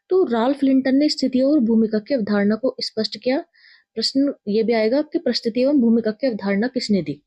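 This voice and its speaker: Female tutor going through exam quiz questions; slightly high, warm, dry close-mic sound. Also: no echo, dull audio. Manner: explains answers, corrects herself. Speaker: teacher.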